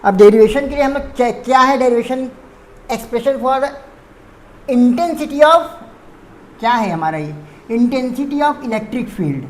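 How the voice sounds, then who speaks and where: A woman's voice: fairly high pitch, expressive, slow pace, long pauses. A woman teaching a physics lesson. She explains step by step, repeats terms and corrects her own slips.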